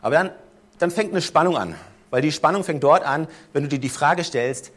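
A man's voice: fairly high pitch, moderate pace, a bit bright. A man preaching a sermon to a live congregation. He tells the story casually and keeps checking in with his listeners. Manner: conversational storytelling, checks in with the audience.

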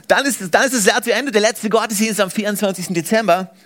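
A man preaching a sermon at a church service, emphatic and animated, with many repeated phrases. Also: high-pitched, a little fast. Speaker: pastor.

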